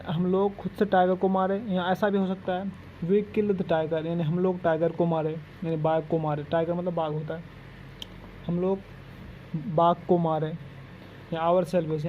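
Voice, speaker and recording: High-voiced man teaching grammar, lo-fi. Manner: repetitive, drawn-out explanations. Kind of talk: explaining lesson in Hindi with English examples. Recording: dull lo-fi recording with faint noise.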